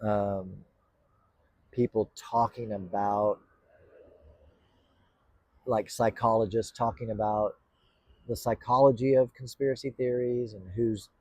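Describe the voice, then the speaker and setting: A man's voice: fairly low pitch, fairly even intonation, slow, pauses often, darkish tone, no room sound. A man hosting his own channel, talking casually to the camera in a rambling, hesitant way with many fillers and restarts. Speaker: podcast host. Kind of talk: casual vlog talk to camera.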